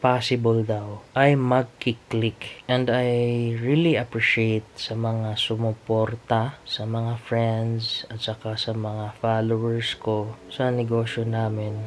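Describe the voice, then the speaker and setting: A young man with a Cebuano accent, vlogging at home at night in a hushed, earnest voice so as not to wake the neighbours. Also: mid-range voice, little pitch movement, takes it slowly, a little hiss or hum. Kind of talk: quiet late-night vlog confession.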